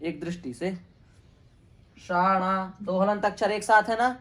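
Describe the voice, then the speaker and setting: A man's voice: high-pitched, unhurried, a bit bright. A man teaching a Sanskrit grammar lesson, asking questions and answering them himself, repeating each term.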